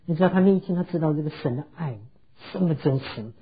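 A man preaching a sermon, telling a story in an earnest, emphatic way with drawn-out sentence endings. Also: on the high side, husky. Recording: dull lo-fi recording.

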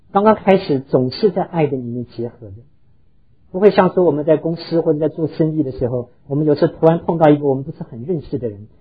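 A male pastor preaching an earnest sermon to his congregation, telling stories and pausing on hesitant fillers. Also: a little high, breathy edge, dull audio.

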